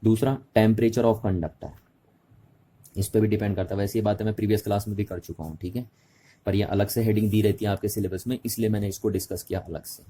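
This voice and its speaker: A man's voice: fairly low pitch, flat delivery, quick pace, mellow, slightly rough. A man teaching a physics lesson in Hindi mixed with English, patiently repeating key terms and checking that students follow. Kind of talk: classroom lecture mixing Hindi and English.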